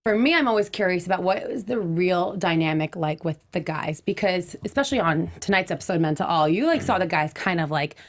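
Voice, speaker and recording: A woman's voice: on the low side, lively intonation, a little fast, few pauses. A young woman hosting a casual panel show, bubbly and upbeat. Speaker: host.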